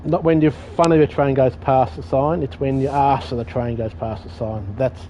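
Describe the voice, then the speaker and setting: He has a warm, steady, mid-range voice and talks at normal speed while playing a train driving game. The gaming streamer's casual commentary rambles and mocks himself, with mild swearing, recorded in dull lo-fi with faint game noise.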